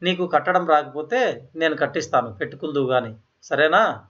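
A man voicing a gentle middle-aged woman who speaks softly and kindly to her daughter-in-law, in an audio story. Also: on the high side, normal speed, close to an everyday voice. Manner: soft, kindly, reassuring. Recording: slightly dull, lo-fi audio.

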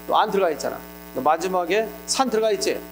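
A man's voice: sits high, expressive, fast talker, slight background noise. A man teaching an exam prep lecture, often stopping to ask his students check questions and switching between casual and polite speech. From South Korea. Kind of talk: classroom lecture.

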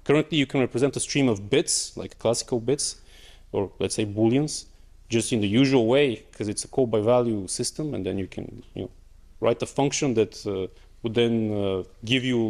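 A young man with a lowish, darkish voice presents a technical talk at an academic conference and takes questions in a lecture auditorium. He speaks a little fast but hesitantly, full of fillers and restarts.

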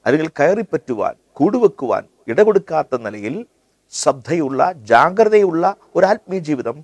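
Measured middle-aged pastor. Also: male voice, on the high side, big pitch swings, darkish tone, no room sound. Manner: measured, rhythmic delivery, mixing in English phrases. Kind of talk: Bible study teaching. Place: indoor studio set. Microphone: lapel mic.

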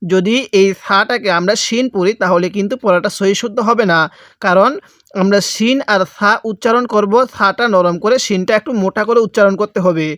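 A man from Bangladesh teaching Quran reading, spelling out each letter and vowel mark, then drawling the word slowly and asking the viewer to repeat after him. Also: high-pitched, a bit bright, no echo, studio quality. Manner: patient, repetitive call-and-response teaching. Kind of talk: step-by-step recitation lesson.

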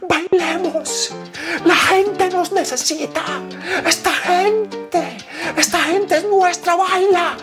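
A man voicing an ecstatic, high female coworker who shouts shrilly from a parade float. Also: slow pace, over music.

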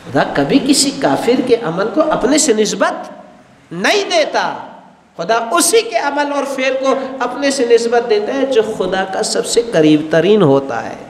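Indoors against a blue studio backdrop, a middle-aged Shia cleric wearing a headset mic delivers a religious lecture, animated, gesturing widely and acting out everyday dialogues. He speaks in a very high, unhurried voice, and the room is echoey with a long reverb tail.

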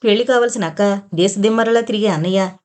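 A woman narrating a family novel for an audiobook. She reads in a steady storytelling manner at a middle pitch. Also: fast.

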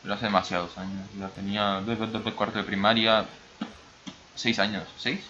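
A man's voice: fairly low pitch, little pitch movement, moderate pace, bright, forceful tone, muffled recording, a little hiss or hum. A man from the Basque Country with a mixed Basque and Brazilian accent, chatting casually as he comments on his gameplay. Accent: mix of Basque and Brazilian Spanish. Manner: rambling, chatty, talks to himself. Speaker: gaming YouTuber.

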